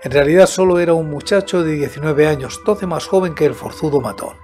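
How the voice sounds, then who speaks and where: A man in his seventies narrating a horror tale in a slow, deliberate, measured storytelling manner, close on a studio microphone. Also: a little high, darkish tone. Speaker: audiobook narrator and host of a horror story show. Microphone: close studio microphone with headset monitoring. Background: background music.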